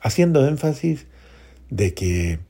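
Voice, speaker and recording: Gravelly, husky-voiced priest preaching. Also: male voice, medium pitch, very animated, slow. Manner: earnest, repeats phrases for emphasis, soft prayerful drops. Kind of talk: homily.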